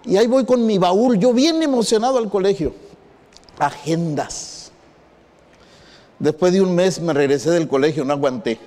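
A man, a pastor preaching a sermon and telling an animated personal story. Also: sits high, moderate pace, long pauses. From northwestern Mexico. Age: 50s. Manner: animated storyteller acting out quotes. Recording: long reverb in a hall.

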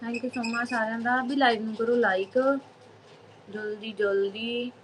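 A woman's voice: fairly high pitch, flat delivery, measured pace, a little hiss or hum, poor audio. A woman hosting a casual live stream on a phone, chatting to viewers, greeting them by name and repeating phrases.

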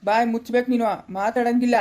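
A woman plays a harsh in-law in a home-made family drama. The voice has a rural Karnataka accent and sits fairly high. She scolds in a loud, cutting way. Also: little pitch movement, quick pace, close to an everyday voice. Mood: scolding. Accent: rural Karnataka Kannada.

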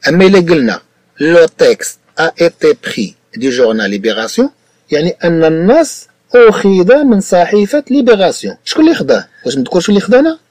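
In a dry recording, a man's fairly high, darkish voice moves quickly with a sing-song lilt. He has a Moroccan Arabic accent and explains French patiently, repeating things and checking the student's understanding.

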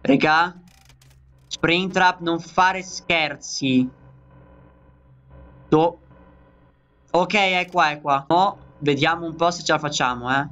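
A man from Italy hosting a gaming channel, giving excitable let's play commentary and calling out to his viewers. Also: on the high side, takes it slowly, pauses often, dull audio.

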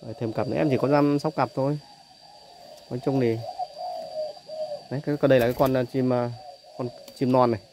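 Man filming doves, loud cooing behind. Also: medium pitch, fairly even intonation, fast, long pauses. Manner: chatty, repeats "đấy" between points. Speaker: dove breeder selling birds. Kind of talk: casual phone video tour. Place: bird aviary with cages. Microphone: phone held while filming. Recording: loud bird noise on phone audio. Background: doves cooing loudly.

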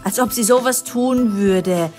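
A woman's voice: a little high, a little slow, darkish tone, soft background music, pitched below the performer's own voice, lightly acted. A woman doing a casual, blunt male doctor. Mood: offhand. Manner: casual, dismissive.

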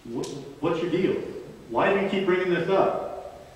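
A man voicing a quick-tempered male fisherman who gets frustrated easily and answers bluntly. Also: high-pitched, expressive, lo-fi sound, background noise, voice pushed up. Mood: exasperated. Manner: blunt, exasperated retorts. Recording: echoey hall from far off.

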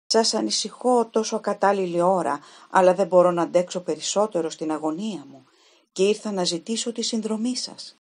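A woman's voice: mid-range voice, a little mellow, lightly acted. A woman reading aloud, voicing a pale, frightened young female typist who pleads in a trembling voice. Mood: anxious pleading.

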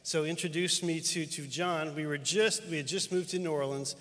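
Middle-aged guy telling stories about an old friend, earnest and reverent, slightly high voice, long hall reverb. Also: fairly even intonation, normal speed, fairly bright tone. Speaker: denominational superintendent. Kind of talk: heartfelt tribute speech. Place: large church auditorium with live audience.

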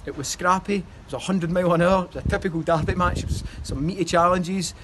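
A high-pitched man's voice with fairly even intonation comes through fast over background noise. He's a Scottish football manager in his thirties, interviewed outdoors by a stadium wall after the game, and he rambles with fillers and restarts.

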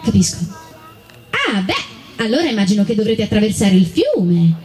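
A woman's voice: mid-range voice, huge pitch swings, moderate pace, darkish tone. Woman doing a teasing old woodcutter. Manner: teasing, grumbling. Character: gruff kindly old male woodcutter.

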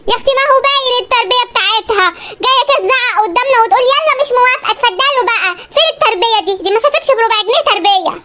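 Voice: very high voice, very fast, few pauses, bright, forceful tone, slight background noise. A performer voicing a meddling middle-aged mother of the groom in a comedy cartoon, scolding and gossipy in Egyptian Arabic.

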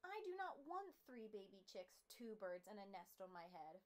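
A woman's voice: mid-range voice, very animated, moderate pace, darkish tone, natural voice. A woman voicing an anxious, easily flustered elephant in a picture-book read-aloud, emphatic and complaining. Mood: exasperated.

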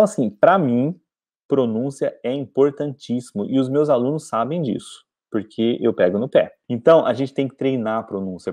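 A man's voice: mid-range voice, darkish tone. A man from Brazil, an English teacher, giving a casual spoken lesson and often checking in with "entendeu?". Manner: conversational, often asks "entendeu?".

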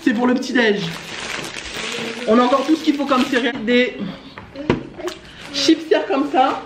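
A family vlogger with a high voice talks at a measured pace, casual and full of slang, during a haul video. The living-room recording is echoey, with clear noise and clicks.

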